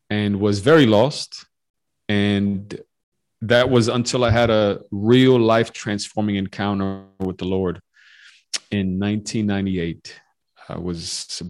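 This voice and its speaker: A man's voice: on the low side, darkish tone. A man in his forties, born in Romania, telling his faith story as a guest on a podcast call, earnest and full of fillers and restarts. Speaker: guest missionary. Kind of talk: testimony in a podcast interview. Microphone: remote call over the internet.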